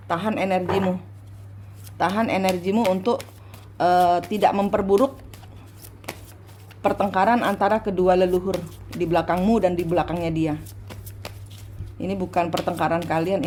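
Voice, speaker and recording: A low-pitched woman gives a private tarot reading, speaking slowly and repeating her guidance. A faint hiss of noise sits under her voice. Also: fairly even intonation, a little mellow. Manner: slow, coaching, repeating instructions. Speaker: tarot reader.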